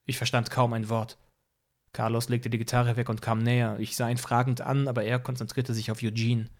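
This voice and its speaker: A male audiobook narrator with a mid-pitched voice. He tells the story in a calm, even way, in the first person. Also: fairly quick. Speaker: audiobook reader.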